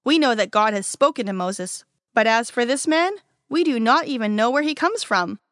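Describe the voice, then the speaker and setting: A woman's voice: a little high, very animated, moderate pace, a bit bright, no echo, studio quality. A woman reading the lines of stern, suspicious religious leaders in a storybook, in an accusing manner. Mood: angry.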